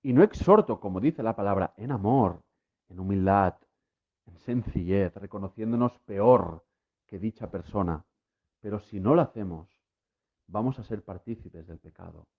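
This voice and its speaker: A man's voice: lowish voice, moderate pace. A man preaching a sermon to listeners at home, emphatic, with repeated refrains that build to impassioned peaks. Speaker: lay preacher. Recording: tinny phone-like sound.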